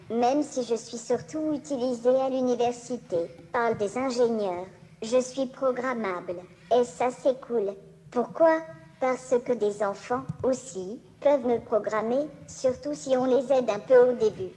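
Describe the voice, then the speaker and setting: A woman's voice: a little high, measured pace, mellow, slight background noise. A synthetic female robot voice of a small cheerful humanoid robot, giving a neatly enunciated scripted presentation. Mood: polite, playful.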